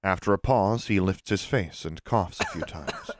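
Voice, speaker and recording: Deep-voiced man reading scene directions. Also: expressive, normal speed, no echo, studio quality. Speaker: narrator. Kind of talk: scripted narration of stage directions.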